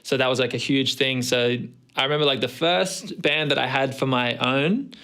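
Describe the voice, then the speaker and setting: Young man, laid-back musician guest, bright and smooth, rambling chat. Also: mid-range voice, normal speed. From Australia. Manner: easygoing, rambling with many fillers. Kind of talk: casual chat.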